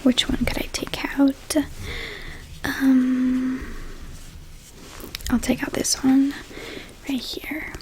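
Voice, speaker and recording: A woman in a whispered ASMR role-play as a librarian, whispering softly and a little hesitantly as if to a visitor in a library. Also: high voice, level tone, very slow, pauses often, low-quality recording. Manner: soft whispering, hesitant, gently attentive to an imagined visitor.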